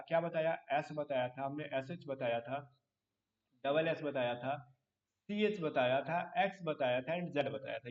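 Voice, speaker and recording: A man teaching an online English grammar class, asking his students question after question and adding joking asides. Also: fairly high pitch. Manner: explains with repeated questions to students. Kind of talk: online live class lecture. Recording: roomy, distant, dull sound.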